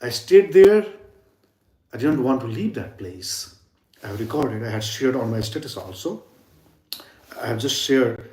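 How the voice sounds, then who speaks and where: A man's voice: medium pitch, expressive, a little slow, pauses often, dark tone, echoey room. A man giving an earnest spiritual talk on sound healing, often dropping to near whispers for emphasis. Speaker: yoga and sound healing teacher. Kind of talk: informal spiritual teaching talk.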